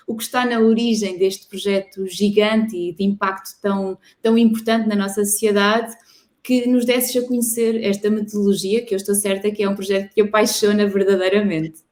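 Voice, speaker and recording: A woman hosts an interview, asking measured questions with some hesitation. Her voice rings in an echoey room. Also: mid-range voice, darkish tone. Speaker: interview host. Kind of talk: interview conversation.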